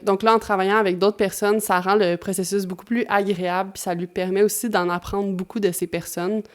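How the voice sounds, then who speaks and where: A woman with a Québécois French accent narrates her vlog in a relaxed, conversational way. She drops casual slang asides as she goes, and her voice sits at an ordinary mid pitch. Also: fairly quick. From Quebec. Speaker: YouTuber host.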